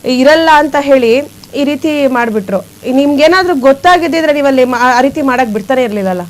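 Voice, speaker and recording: High-voiced woman news anchor, probing. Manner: quick probing questions, many soft hums. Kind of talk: TV news interview.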